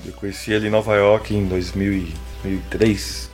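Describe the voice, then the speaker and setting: A guest musician with a Brazilian Portuguese accent rambles through a casual interview chat, tagging his sentences with fillers. His voice is on the low side, flat and fairly quick, with faint music playing behind him.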